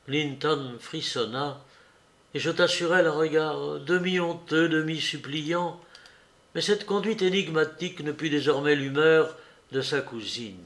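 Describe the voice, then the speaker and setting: A man narrating a classic novel as an audiobook, with a measured, even literary reading. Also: fairly high pitch.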